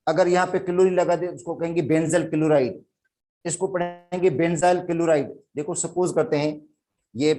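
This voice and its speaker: In a classroom lecture, a chemistry teacher from Pakistan speaks with a Sindhi accent, calling his pupils "beta" as he explains each step. He has a darkly toned voice that sits on the high side.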